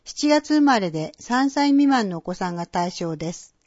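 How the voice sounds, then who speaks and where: Woman announcer, scripted community bulletin, measured and clear, dry dull sound. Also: mid-range voice, expressive, darkish tone, no echo. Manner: clear, measured reading of names and dates. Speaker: municipal announcer. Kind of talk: scripted public-service announcement.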